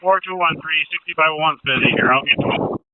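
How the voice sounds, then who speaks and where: A police officer calling in over a walkie-talkie, clipped, loud and urgent, using terse call signs. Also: male voice, a little high, quick pace, clean tone, no room sound. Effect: heard over a police walkie-talkie. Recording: tinny radio transmission.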